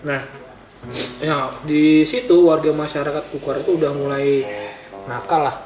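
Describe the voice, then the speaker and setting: A man's voice: on the high side, steady tone, moderate pace. Man chatting while eating, echoey. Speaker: podcast host. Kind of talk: casual chat over food. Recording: echoey room with music behind.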